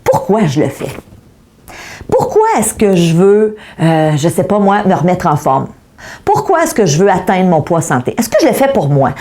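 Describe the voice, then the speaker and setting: A woman's voice: fairly low pitch, sing-song, moderate pace, warm tone. A middle-aged woman with a Québécois French accent gives an online coaching lesson, talking directly to viewers and asking them rhetorical questions. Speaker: motivational speaker.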